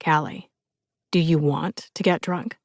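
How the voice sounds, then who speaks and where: Calm young rocker, as a woman voices him. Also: sits low, a little slow, dry recording, clean studio sound. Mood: easygoing. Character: young man, laid-back rock musician. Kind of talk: audiobook character voice.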